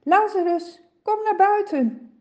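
A woman voicing calm, gentle Jesus. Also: mid-range voice, unhurried, highs cut off. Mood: commanding. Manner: calm, soft-spoken.

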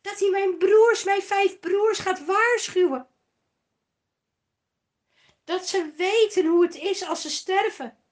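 A tormented rich man cries out from hell, begging over and over for mercy, as a woman storyteller puts him on. The voice rides high and stretches every plea slowly. It is a pleading storybook reading.

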